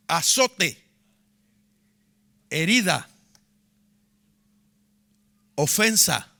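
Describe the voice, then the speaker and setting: Bright-voiced pastor preaching with sharp emphasis. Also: male voice, sits high. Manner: emphatic, rising and dropping sharply for effect; asks the congregation to repeat words. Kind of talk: sermon.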